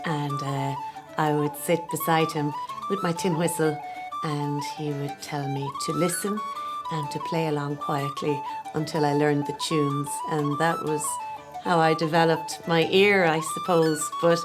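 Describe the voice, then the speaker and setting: Kerry Irish woman, forties, calm unhurried music teacher, fairly low voice, whistle playing behind. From Ireland (West Kerry). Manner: gentle, encouraging, unhurried. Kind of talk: step-by-step music lesson.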